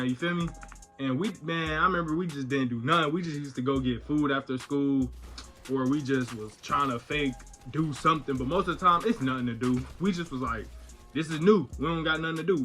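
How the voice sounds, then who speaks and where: Bright-voiced young man telling a story. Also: fairly high pitch. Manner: slangy, animated retelling with voiced quotes. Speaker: vlogger. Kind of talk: casual storytime.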